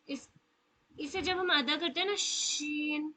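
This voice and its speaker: A woman teaches recitation in a live online class, with a high, bright voice. She explains patiently and stretches out individual letter sounds to demonstrate them. Her delivery stays clear and instructive throughout. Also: steady tone, low-quality recording. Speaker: tajweed teacher.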